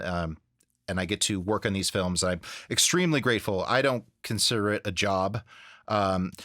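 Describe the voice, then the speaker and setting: A man talking casually in an interview about his work, earnest and a bit halting, repeating words for emphasis. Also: lowish voice, a bit bright, no room sound, studio quality. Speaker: voice-over artist, interview guest. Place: home studio.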